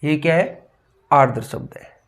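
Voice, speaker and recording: A man with a somewhat high voice teaches a grammar class. He works through one word after another, asking the class what each word is and then giving the answer. His delivery is steady and methodical, in the manner of a classroom drill. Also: unhurried. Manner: drills word spellings with repeated questions and answers. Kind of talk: Hindi grammar lesson.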